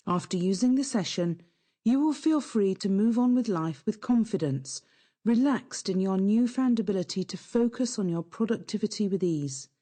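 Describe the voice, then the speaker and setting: A woman narrating a scripted guided hypnosis session in a calm, soothing, instructive way. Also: mid-range voice.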